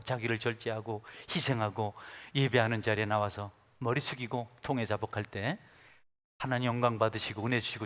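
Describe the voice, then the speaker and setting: A male pastor preaching a sermon, moving between hushed, intimate asides and loud, emphatic passages. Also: mid-range voice. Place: large church sanctuary. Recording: church service with long hall reverb.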